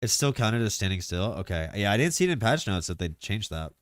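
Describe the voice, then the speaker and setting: Excitable streamer man, lively pitch. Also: a little fast, no room sound, clean studio sound. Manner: excitable, rambling, heavy on "like" fillers. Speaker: game streamer. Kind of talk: casual live-stream chat about game mechanics.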